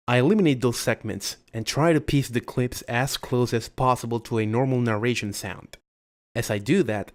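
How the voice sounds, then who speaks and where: Recording at home, this man speaks close to a USB condenser microphone, delivering his own scripted voiceover. He's a video creator with a mid-range voice and a formal, measured delivery.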